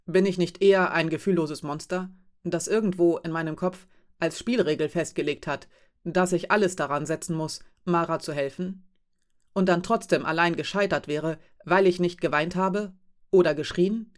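A woman reading an audiobook, voicing a young woman who talks calmly and matter-of-factly. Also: on the low side, moderate pace, lightly acted. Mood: self-doubting. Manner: calm, matter-of-fact. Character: young woman, calm and self-doubting. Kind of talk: audiobook character voice.

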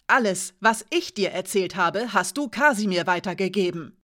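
A woman voicing a young female soldier held captive, speaking in a sharp, accusing, bitter way. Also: mid-range voice, expressive, normal speed. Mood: angry.

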